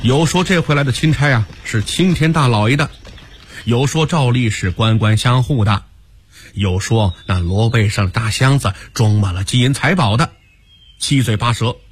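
A male storyteller narrating a radio story in an animated, expressive manner. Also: medium pitch, moderate pace, husky, dry recording. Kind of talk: dramatic Chinese storytelling narration.

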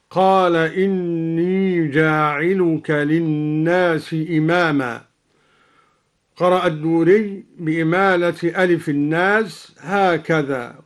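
A man from Egypt with a high voice teaches recitation readings in a radio studio. He speaks in an unhurried, formal way and chants each example verse melodically. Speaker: Quran recitation scholar.

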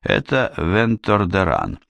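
A man reading as a calm, wry king. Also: low voice, measured pace, vocal fry, dry recording, full character voice. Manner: soft, gently teasing. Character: calm wry male king, confident ruler. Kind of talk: audiobook character reading.

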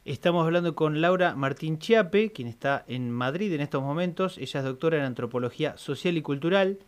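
A man's voice: fairly high pitch, animated, brisk, clean tone. A man hosting a radio interview with a Rioplatense accent, asking chatty questions. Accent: Rioplatense Spanish. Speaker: radio host.

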